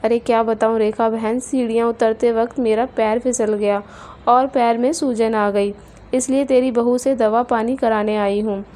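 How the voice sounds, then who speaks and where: A woman voicing a complaining middle-aged female neighbor in a storybook tale, talking in a drawn-out way. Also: a little high, level tone, dark tone, close to an everyday voice. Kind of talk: storybook character voice.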